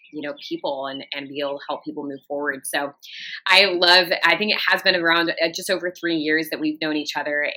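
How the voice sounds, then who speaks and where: Guest: woman, 30s, from Japan, low voice, bright tone, chatty storyteller. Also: rough recording. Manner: chatty, warm storytelling with frequent fillers. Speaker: podcast guest. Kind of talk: casual interview talk.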